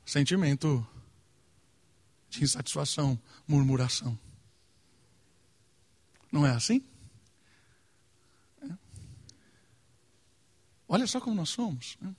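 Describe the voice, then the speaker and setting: Earnest high-voiced preacher. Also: male voice, very animated, slow pace, pauses often, a little mellow, husky. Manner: earnest, rising and falling emphasis with rhetorical questions. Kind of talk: sermon.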